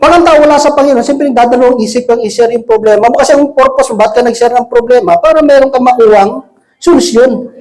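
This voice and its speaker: A man's voice: extremely high pitch, fast talker, darkish tone, rough recording. Joking lay preacher, man. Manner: jokey, asks the congregation frequent rhetorical questions. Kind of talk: conversational sermon. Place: church service with a congregation.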